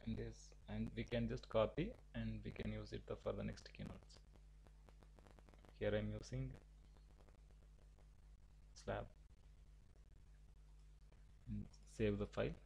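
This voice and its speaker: A man teaching a software tutorial, giving halting step-by-step instructions with frequent restarts. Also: fairly low pitch, vocal fry, a little hiss or hum, low-quality recording. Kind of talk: screen-recorded software tutorial.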